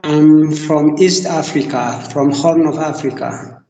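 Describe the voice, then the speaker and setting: Slow, mellow-voiced Ethiopian man. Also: on the high side, fairly even intonation, echoey room, long reverb tail, a little hiss or hum, rough recording. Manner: slow, careful, hesitant non-native phrasing. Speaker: university computer teacher. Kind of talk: casual conversation practice. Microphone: online call.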